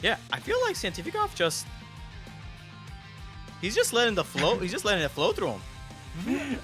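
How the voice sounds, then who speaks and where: A man doing casual live fighting game commentary in an excitable, slangy, halting way, with game music behind him. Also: high-pitched. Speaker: tournament commentator.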